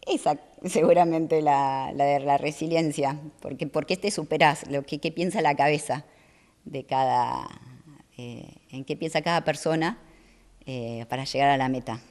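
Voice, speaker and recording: A middle-aged woman, talking as a guest in a casual interview, soft-spoken and hesitant with many fillers. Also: low-pitched, moderate pace. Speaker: guest athlete.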